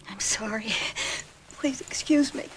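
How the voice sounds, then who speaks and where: A woman's voice: a little high, unhurried, heavy background noise, natural voice. An older woman playing a theatrical ageing film star in a TV drama, defiant yet sentimental, with dramatic delivery. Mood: wistful.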